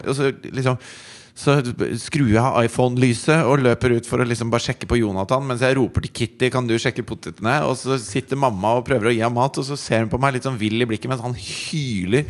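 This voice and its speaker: Animated storytelling man. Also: medium pitch. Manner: animated, laughing, acts out quotes. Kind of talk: casual storytelling chat.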